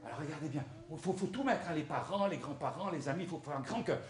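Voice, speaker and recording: A man's voice: fairly high pitch, lively intonation, quick pace. A man performing as a clown in an outdoor audience-participation show, playfully coaxing the crowd to chant along. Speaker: children's gospel clown performer.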